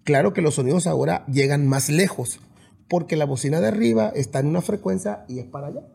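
Brief: male band singer, rough gravelly voice, animated and salty. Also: on the high side, fast. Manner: animated, swears freely, imitates drum hits with his voice. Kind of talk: casual interview storytelling.

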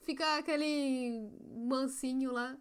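A woman's voice: high-pitched, steady tone, slow, clean tone. A young woman co-hosting a casual podcast, teasing and giggly. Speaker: podcast co-host.

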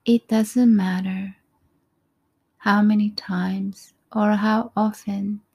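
Calm pauses follow each short phrase as a woman leads a breathing meditation at a very slow, soothing pace. Her mid-range voice is breathy and soft, mellow in tone, frequently creaky and sometimes barely above a whisper.

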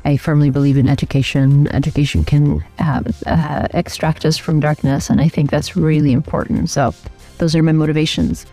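Her voice is deep and mellow. This guest, a middle-aged architect and program director from Albania, responds to interview questions with care, often restarting and filling pauses.

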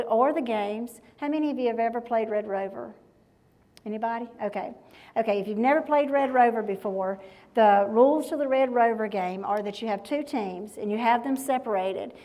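A woman in her fifties gives a devotional talk in a fairly high voice. She chats easily, spinning homey stories and asking the crowd questions as she goes. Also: darkish tone, rough recording. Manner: folksy, chatty storytelling addressing the audience directly. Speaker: guest speaker.

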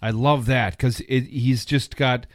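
A man in his fifties hosting a podcast, talking about films in a loose, rambling, enthusiastic way. His voice sits in an ordinary middle pitch. The recording is dry and close. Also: steady tone, unhurried, dry recording. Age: 50s. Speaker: podcast host. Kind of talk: casual movie chat.

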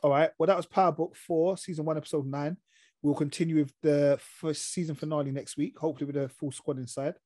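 London roadman guy hosting a tv review podcast, slangy, slightly high voice, real dry sound. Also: steady tone, quick pace, mellow, no echo. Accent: London, urban street slang. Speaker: podcast host. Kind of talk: casual TV review chat.

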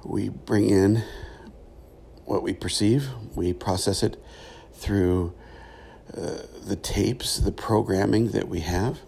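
A middle-aged man reflects aloud in a solo podcast. His voice is dark and gravelly, and he speaks slowly and thoughtfully with many pauses. There is faint noise in the background. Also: on the low side, steady tone. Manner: thoughtful, halting, pausing often. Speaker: podcast host, former pastor.

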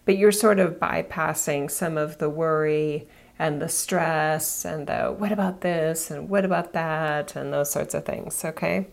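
Female spiritual guide, lowish register with plenty of fry, informal and soothing, gently talks listeners through meditation. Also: steady tone, measured pace. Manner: soothing, gently instructing, breaks into small asides. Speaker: spiritual guide and podcast host.

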